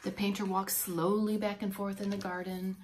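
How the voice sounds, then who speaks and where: Speaking at a medium pitch and normal speed, with a slight hiss or hum on the audio, a woman in roughly her forties teaches preschool. She reads a picture book to young children with expression, pausing to explain words, in a small room with a bookshelf and whiteboard.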